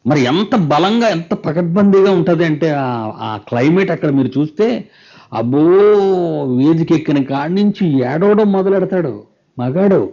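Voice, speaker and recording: A male pastor delivering a sermon in a somewhat raised, mellow voice. He often turns to the congregation with rhetorical questions and lingers over scripture with slow emphasis. The recording sounds dull and lo-fi. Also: on the high side, animated. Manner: reads scripture slowly and emphatically, mocks false preachers.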